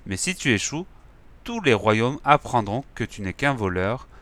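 A man voicing a stern, possessive old king in a storybook reading, speaking slowly and emphatically. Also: medium pitch, big pitch swings, fairly bright tone.

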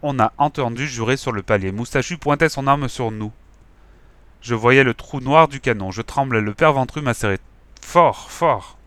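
Bright-voiced male storybook narrator. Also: mid-range voice, normal speed, clear, resonant tone, dry recording. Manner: lively, expressive storytelling. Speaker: audiobook narrator. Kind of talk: scripted children's story narration.

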